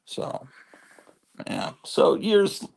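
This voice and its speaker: A man's voice: very slow, a little mellow. A man in his fifties hosting a casual livestream, rambling and reading viewer chat aloud with a self-deprecating manner. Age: 50s. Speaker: comic collecting livestream host.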